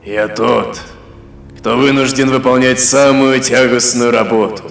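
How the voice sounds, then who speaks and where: A man voicing a sardonic ancient god of the underworld, speaking in a slow, sepulchral, sarcastic voice. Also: medium pitch, fairly even intonation, vocal fry. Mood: menacing, sarcastic. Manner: sarcastic, mocking. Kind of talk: audiobook character voice. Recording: echoey hall reverb with faint music.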